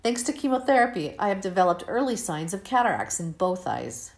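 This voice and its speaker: A woman in her fifties reading her own personal essay aloud in a candid, steady, measured way. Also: medium pitch. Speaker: narrator of her own story.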